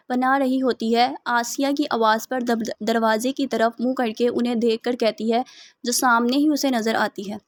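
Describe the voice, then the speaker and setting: A woman's voice: fairly high pitch, no room sound. A woman narrating a romantic novel aloud with emotion, with small slips and restarts. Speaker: audiobook narrator.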